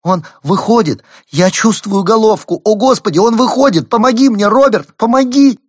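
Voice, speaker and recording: A man's voice: medium pitch, animated, moderate pace, slightly rough, no room sound, studio quality, pitched above the performer's own voice. A man reading an audiobook and voicing a frightened young woman in painful labor, sobbing and crying out in panic. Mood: panicked crying.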